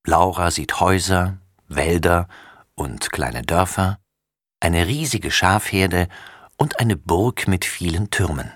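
A man reading a children's storybook aloud in an expressive way. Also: deep voice, slow, no echo, studio quality. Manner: expressive, lively. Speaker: narrator.

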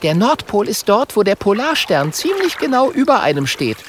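A man's voice: high voice, big pitch swings, moderate pace, slight background noise, pitched above the performer's own voice. A man voicing a clever young girl who explains things in a knowing, slightly bossy way. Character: clever young girl, know-it-all friend.

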